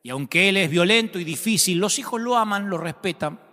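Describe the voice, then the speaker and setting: A man preaching a sermon, telling a story dramatically and rising loudly at its peaks. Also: sits high, lively intonation, a little fast. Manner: dramatic, swells loudly when quoting the son. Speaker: pastor. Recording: long hall reverb.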